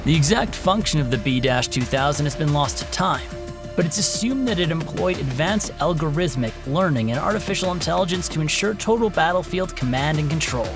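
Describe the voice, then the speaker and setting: Man, scripted narration, gravelly voice, measured and dramatic, music behind. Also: a little high, expressive. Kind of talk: scripted narration of a sci-fi story and lore.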